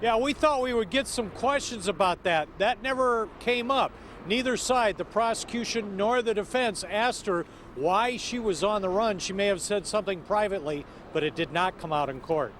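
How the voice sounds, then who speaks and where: A man's voice: sits high, moderate pace, hardly any pauses, fairly bright tone. An American man reporting live for television news from outdoors downtown. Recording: faint outdoor street noise.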